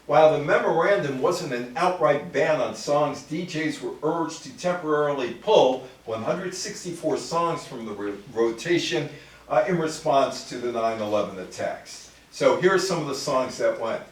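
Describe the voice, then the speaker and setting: An older American man, a grandfather, gives an informal music-history lecture to a live audience in an indoor room. His voice is fairly high, with lively intonation at a moderate pace, and the distant microphone picks up a very echoey room.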